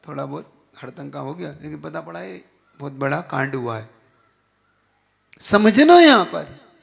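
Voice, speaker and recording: A man's voice: on the high side, creaky, fairly bright tone. A man, a monk giving a scripture class, preaching animatedly and quizzing his listeners with rhetorical questions. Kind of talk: sermon.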